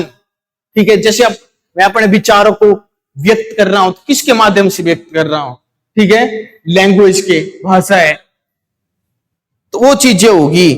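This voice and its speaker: Slow-talking male grammar teacher. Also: high-pitched. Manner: asks and answers his own questions; repeats key words for students. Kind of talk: classroom grammar lesson.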